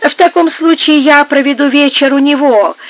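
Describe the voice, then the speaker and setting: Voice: sits high, normal speed, pitched above the performer's own voice. A narrator voicing a devout noblewoman duchess in a formal, courtly manner, raising the voice above the narration. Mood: composed. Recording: phone-like narrow band.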